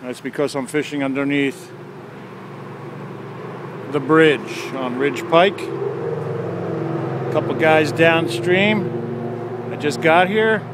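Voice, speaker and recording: A man's voice: a little high, steady tone, very slow, long pauses. A man narrating his own fishing trip outdoors by a creek under a road bridge, talking casually into a handheld camera in a plainspoken play-by-play way. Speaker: fishing vlogger. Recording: outdoor camera audio with faint traffic hum. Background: faint traffic noise.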